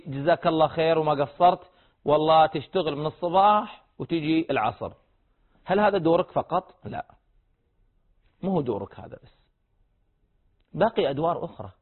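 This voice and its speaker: Man, high-pitched, earnest exhortation, phone-quality sound. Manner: earnest, exhortative, addresses listeners directly. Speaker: radio show host and family counselor. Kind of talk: preaching-style family advice talk. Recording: husky voice over a tinny phone-like line.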